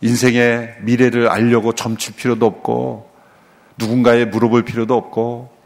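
A Korean man preaching a sermon as pastor, lively and full of rhetorical questions to the congregation. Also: mid-range voice, normal speed. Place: church sanctuary. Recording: long reverb of a large church hall.

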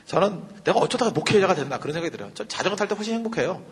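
A man who is a pastor, giving a humorous sermon-style lecture, animated and joking, full of rhetorical questions. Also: sits high, rapid-fire, in a large hall, a little hiss or hum.

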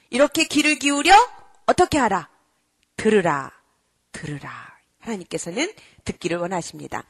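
Woman lecturer, really animated, swoops up and down, quizzes the crowd. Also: a little high, no echo. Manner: animated, asks the audience questions and acts out children and parents. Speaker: character-education lecturer. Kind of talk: lively lecture to an audience.

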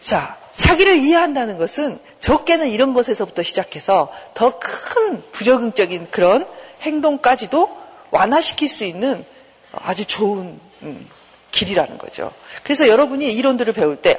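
A woman professor giving a lecture, lively and acting out inner dialogue. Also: fairly high pitch, moderate pace, husky, big-room sound.

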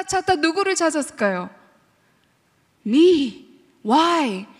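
A woman professor giving a lively sermon-style talk to a church audience, mixing English phrases into her speech and asking the audience questions. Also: high-pitched. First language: Korean heritage, also fluent in English. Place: church hall. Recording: long reverb of a large hall.

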